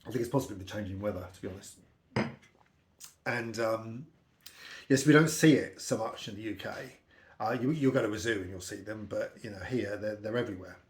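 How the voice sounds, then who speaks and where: A middle-aged British vlogger chats casually, rambling through personal anecdotes in a conversational way. His lowish voice is slightly croaky and fairly quick, and the recording sounds roomy.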